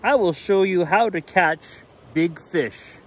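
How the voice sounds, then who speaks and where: A man's voice: high-pitched, slow pace, breathy edge, exaggerated voice. A man voicing an eager, boastful father bear from a children's storybook, with emphatic delivery. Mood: confident, boastful. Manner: emphatic, excited declarations. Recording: outdoor ambient noise.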